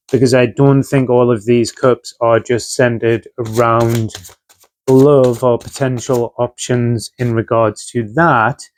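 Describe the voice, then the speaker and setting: In a mid-range, somewhat mellow voice, a tarot reader gives a casual reading while recovering from a chest infection. He talks conversationally and uses plenty of fillers.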